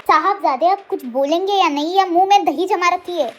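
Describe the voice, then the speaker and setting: A woman's voice: very high voice, brisk, over music. A woman voicing a stern, sarcastic older father who scolds his son in a story reading. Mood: angry.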